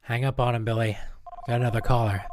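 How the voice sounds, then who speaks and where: A man's voice: mid-range voice, fairly even intonation, fast, slight background noise. A man hosting a comedy radio sketch, exasperated and sarcastic with the callers. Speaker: radio host.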